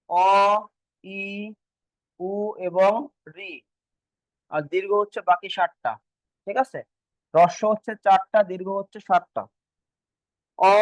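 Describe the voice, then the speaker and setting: High-voiced man teaching a grammar lesson. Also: dry recording, lo-fi sound. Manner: repetitive, quizzing students and answering himself. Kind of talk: exam-prep grammar lesson.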